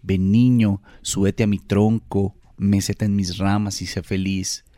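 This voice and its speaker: A man voicing a gentle, generous male tree, speaking softly and tenderly. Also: lowish voice, flat delivery, a little slow, no room sound, clean studio sound, lightly acted.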